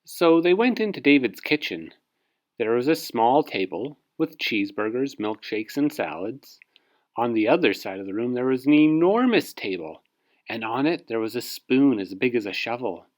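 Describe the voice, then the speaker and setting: Here a storybook reader, a man, reads a children's book aloud with expressive delivery. He speaks at normal speed in a mid-range voice.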